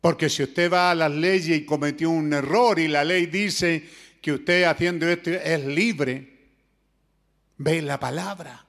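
A man preaching, with a notably high voice. He speaks earnestly and keeps turning to his listeners with rhetorical questions. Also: slow pace, a bit bright. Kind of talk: sermon.

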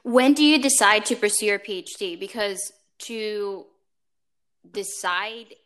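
A woman hosts an interview and asks long, rambling questions full of restarts. Her voice is bright and smooth, and her pitch sits in the middle. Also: measured pace.

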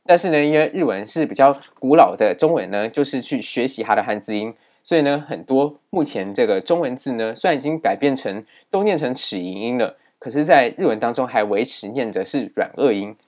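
A man teaching a language lesson in a steady explaining manner, with many fillers. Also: medium pitch, fairly quick, hardly any pauses.

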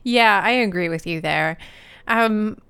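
A woman with a New Jersey accent co-hosting a podcast in casual chat, measured and quick to laugh. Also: medium pitch, fairly bright tone, clean tone. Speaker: podcast co-host.

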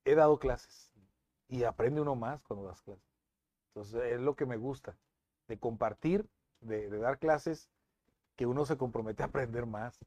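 Animated man telling stories. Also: mid-range voice, measured pace, pauses often, no echo, lo-fi sound. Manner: animated storytelling with frequent restarts. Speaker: guest, TV news presenter. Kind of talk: casual interview chat.

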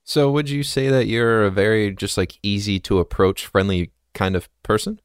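A young man in his twenties hosts a relaxed podcast interview. His voice sits a little low, and he chats loosely, with lots of fillers. The sound is close and dry. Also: clear, resonant tone, no echo. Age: 20s. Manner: chatty, filler-heavy, quick to laugh. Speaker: podcast host. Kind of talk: casual interview chat.

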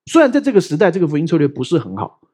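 A man's voice: on the high side, rapid-fire, breathy edge. A middle-aged male pastor, preaching in a chatty sermon style and often asking if listeners follow. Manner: chatty, asks "you know what I mean?" often; animated, swings between loud and soft.

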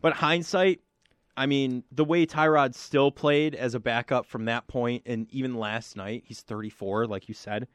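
A man's voice: medium pitch, steady tone, normal speed, dry recording. A man hosting a radio sports talk show, speaking casually and using plenty of fillers. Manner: chatty, filler-heavy. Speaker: radio host. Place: radio studio.

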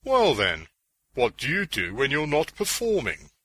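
A man doing a terse, gruff archer. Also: mid-range voice, huge pitch swings, unhurried, a bit bright, dry recording, pitched above the performer's own voice, exaggerated voice. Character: gruff, curt male archer traveler.

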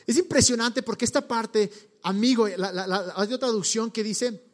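A man's voice: sits high, moderate pace. A man preaching a casual, slangy sermon, telling the story and acting out the people in it. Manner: slangy, storytelling, acts out voices.

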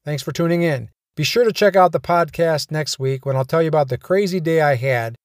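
A man's voice: fairly high pitch, a little fast, dry recording. A man hosting a podcast, telling first-person stories of his police days with wry, dry humor. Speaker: podcast host and former police officer.

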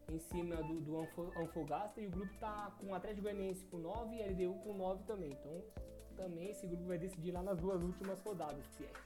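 A young Brazilian man with a high but dark-toned voice co-hosts a casual football podcast. Speaking with a Brazilian Portuguese accent, he runs through results and stumbles over foreign team names.

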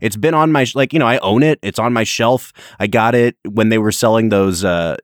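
A man's voice: on the low side, brisk, no room sound, studio quality. A man co-hosting a film podcast in casual, conversational chat, recording from a makeshift space at home. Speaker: podcast co-host.

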